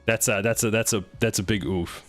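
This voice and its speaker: A man with a fairly low voice talks casually on a live stream as he builds a game, coaxing and scolding his code like a misbehaving pet. His delivery is loose and playful. Soft music runs quietly behind him. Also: fairly even intonation, fairly quick. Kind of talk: casual live-stream chat while coding.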